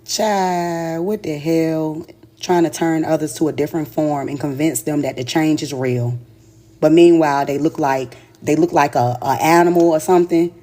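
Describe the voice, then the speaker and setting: A woman giving a live tarot reading, telling it in an animated, slangy way with frequent exclamations and laughter. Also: deep voice, normal speed. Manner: casual slangy storytelling. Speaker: tarot reader.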